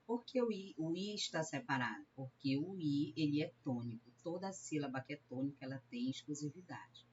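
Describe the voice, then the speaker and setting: A woman from Brazil, a literature teacher giving a recorded lecture, explaining step by step and often tagging a questioning "né?" onto her sentences. She slows down to sound out syllables one at a time. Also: low voice, lively intonation, darkish tone. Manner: sounds out syllables slowly when counting verse. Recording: slightly dull lecture recording with faint hiss.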